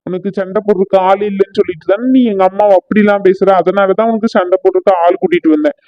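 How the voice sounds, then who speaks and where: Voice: medium pitch, quick pace, muffled recording, faint music behind, natural voice. A performer playing a defiant, exasperated married son in a cartoon family comedy. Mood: lecturing.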